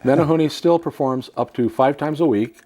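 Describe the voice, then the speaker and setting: With a slightly high, mellow voice at normal speed, a male talk show host reads out a profile. He chats his way through it, adding asides and frequent laughter between lines.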